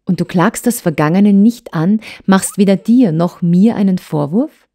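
A woman voicing a hurt young wife who pleads and reproaches her husband with urgency, in a mellow tone. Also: mid-range voice, unhurried, voice pushed up. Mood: questioning.

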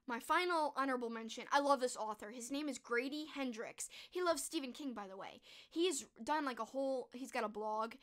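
A young woman with a high-pitched, fairly bright voice is losing it, sounding hoarse, strained and croaky. A streamer who reviews books and movies, she chats casually and enthusiastically, full of fillers like "like." She speaks close to a large studio mic in a small bedroom with posters.

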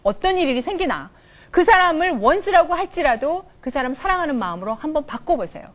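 A middle-aged woman lectures on coaching in front of a studio audience, her voice bright and high. She swings up and down through her pitch and slips into quick character voices for little scenes. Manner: animated, acts out little dialogues in changing voices. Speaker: professor giving a coaching lecture. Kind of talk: televised lecture.

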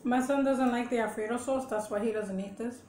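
Brief: woman host, eating-show chat, unhurried and a bit high, echoey home room with faint hum. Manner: slow, relaxed, murmurs and hums while eating. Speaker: mukbang host. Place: home, indoors.

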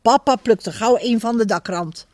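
A woman reading a Christmas picture book aloud to children, expressive and speaking to them directly. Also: on the high side, normal speed, no echo, clean studio sound. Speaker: storyteller.

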